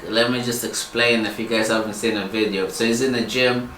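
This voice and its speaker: A man's voice: fairly even intonation, brisk, fairly bright tone. A man co-hosting a podcast, casually retelling comedy skits and slipping into voices from them. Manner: retells comedy skits, acting out lines in a high voice. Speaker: podcast co-host. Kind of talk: casual chat. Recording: echoey room with faint hiss.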